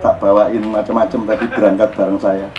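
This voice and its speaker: A man giving an informal religious talk to a crowd, lively and joking, dropping into phrases and acting out exclamations. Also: fairly low pitch, a little fast, highs cut off, a little hiss or hum. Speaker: religious speaker at a public gathering. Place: open-air public gathering.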